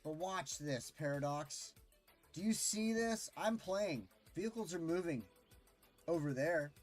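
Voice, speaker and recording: A man's voice: on the high side, lively intonation, measured pace, faint music behind. A man streaming a city-building game, delivering an impassioned, pleading rant with swearing. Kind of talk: ranting gameplay commentary.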